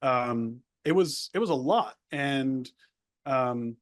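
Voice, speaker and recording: A guest from the US El Paso border area, a native Spanish speaker, tells his life story in a mid-range, animated voice, taking his time. The interview is casual and rambling, with plenty of restarts.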